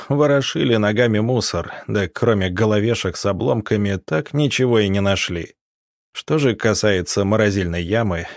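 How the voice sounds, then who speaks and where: A man narrating a story in a steady audiobook manner. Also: lowish voice, no echo, clean studio sound.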